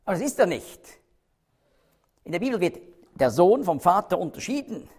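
A man's voice: sits high, big pitch swings, normal speed, a little mellow, husky. A man teaching a Bible study, explaining carefully, stressing key words and checking in with his listeners.

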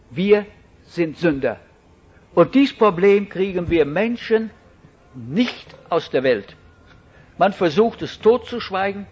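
A male preacher delivers a sermon with slow, deliberate emphasis, letting his points land one by one. His voice sits high for a man and has a husky edge. The recording is muffled and lo-fi. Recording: dull lo-fi recording.

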